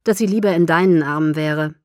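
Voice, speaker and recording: A woman's voice: sits low, brisk, a little mellow, dry recording, studio quality, lightly acted. Woman voicing a brash, teasing teenage werewolf boy. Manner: pushy, teasing, raised voice. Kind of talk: audiobook character voice.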